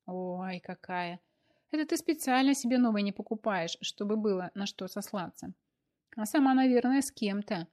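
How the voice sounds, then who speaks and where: A woman's voice: medium pitch, lively intonation, normal speed, a little mellow, lightly acted. Woman doing a playful loving man in a storybook, teasing and fond. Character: affectionate grown man, teasing lover.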